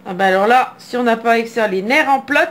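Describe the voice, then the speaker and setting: A middle-aged French woman with a fairly high voice opens trading card packs indoors at home, talking fast. She chats and muses to herself, reading each card name aloud in casual card-opening commentary.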